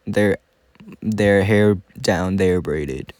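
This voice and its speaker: A young man talks through his old video in a rambling, self-mocking way. His voice is smooth and clean, and the room is dry and close, with no echo. His pitch sits fairly low. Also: very slow, darkish tone. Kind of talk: casual commentary. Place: room at home.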